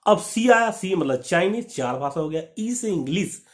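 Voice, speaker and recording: A young man tells a rambling story as a memory trick for exam facts, jumping into each character's lines as he goes. His voice sits a little high for a man and leaps up and down with the telling. He keeps turning to his viewers as friends. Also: normal speed. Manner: animated storyteller acting out dialogue, addresses viewers as friends. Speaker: exam coaching teacher.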